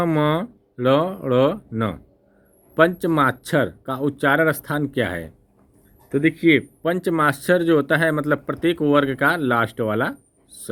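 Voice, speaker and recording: A man teaching an exam-prep lesson in a fairly high voice. He talks slowly and repeats each point, with frequent checks that the class follows. He stops to fix his own mistakes and apologizes for them. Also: a bit bright. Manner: slow, repetitive explaining with frequent "ठीक ना?" checks; self-correcting, apologetic.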